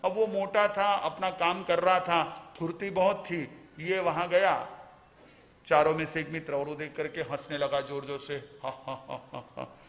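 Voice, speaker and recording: Brief: male Jain monk preaching, high voice, hesitant storytelling, long hall reverb. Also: steady tone, fairly bright tone. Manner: slow storytelling with frequent "आ" pauses. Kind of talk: storytelling sermon.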